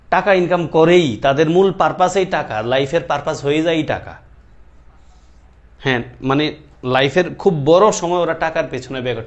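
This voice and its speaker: A young man teaching an exam-prep class, asking questions and repeating each answer so students memorize it. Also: fairly high pitch. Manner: drills students, repeating each answer and calling them brother. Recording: dull lo-fi recording.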